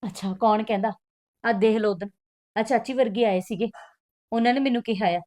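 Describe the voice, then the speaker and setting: An actress playing a discontented young bride who insistently complains and demands things. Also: female voice, fairly high pitch, steady tone, brisk, warm tone, echoey room, natural voice. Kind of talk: village family drama acting.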